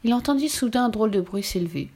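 A woman narrating a children's story in a gentle, expressive read-aloud manner. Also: on the high side, quick pace.

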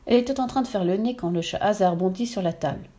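A woman narrating a children's tale with lively, expressive reading. Her voice is mellow and darker in tone, at a middle pitch. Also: fast. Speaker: storyteller. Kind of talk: reading a children's story aloud.

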